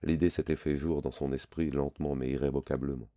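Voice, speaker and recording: Very deep, dark-voiced male reader. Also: steady tone, no echo, studio quality. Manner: measured, literary reading. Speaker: audiobook reader. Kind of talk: scripted narration.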